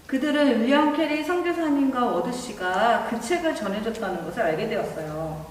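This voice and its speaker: A woman's voice: a little high, expressive, brisk, slight background noise. A woman telling a story to children as a Sunday school teacher, narrating in an explanatory way. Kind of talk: storytelling to children, missionary tale. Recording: very echoey hall, distant microphone.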